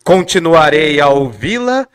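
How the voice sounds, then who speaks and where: A man voicing Romeo as an earnest young man, reciting slowly and solemnly. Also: a little high, very animated, clear, resonant tone.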